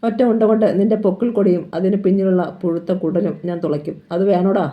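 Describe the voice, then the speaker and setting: A narrator doing a fierce, scornful middle-aged strongman who spits out threats louder than the narration, in an audiobook-style crime reading. The sound is muffled and lo-fi. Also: mid-range voice, fast talker, natural voice. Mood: menacing. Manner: menacing, taunting threats. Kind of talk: dramatic novel reading.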